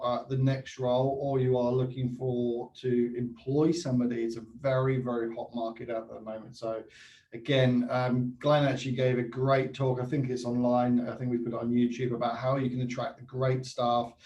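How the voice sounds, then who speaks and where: A man with a mellow, fairly flat voice co-hosts an online meetup. He talks conversationally and a bit haltingly, heard in a roomy space at some distance from the mic. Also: mid-range voice, a little hiss or hum. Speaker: event co-host and company owner. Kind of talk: informal online meetup co-hosting. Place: online video call.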